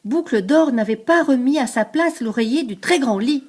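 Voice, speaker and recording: An older woman reading a picture book aloud to a grandchild, lively, stopping to explain hard words. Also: high voice, moderate pace.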